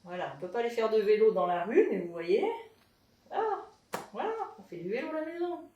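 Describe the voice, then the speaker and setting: A woman's voice: a little high, expressive, brisk, mellow, recorded from a distance, highs cut off, slight background noise. A woman teaching a pilates class at home, chatty and encouraging as she guides the moves. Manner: chatty and encouraging, tags lines with "hein". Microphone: camera in front of her. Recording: echoey room, voice from afar.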